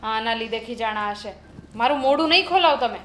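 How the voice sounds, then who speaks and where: An actress playing a younger daughter-in-law who argues back sharply and complains about doing all the housework. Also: female voice, fairly high pitch, lively intonation, brisk, a bit bright. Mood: defiant. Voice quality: argumentative, retorting. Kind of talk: village family drama acting.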